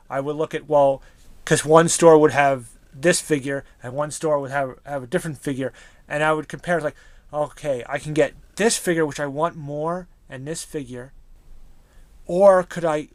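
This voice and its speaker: A man's voice: a little high, no echo. A man in his thirties, a toy collector, reminiscing casually in a rambling way with many restarts.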